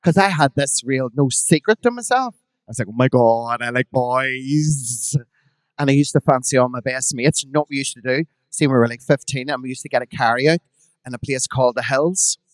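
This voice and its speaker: A man with a Belfast accent tells bawdy drag-scene stories at a live podcast, animated and frank, slipping into quoted voices. His voice sits in a middle register and is recorded dry and close. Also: medium pitch, a little fast, no echo. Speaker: drag performer guest. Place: live venue before an audience.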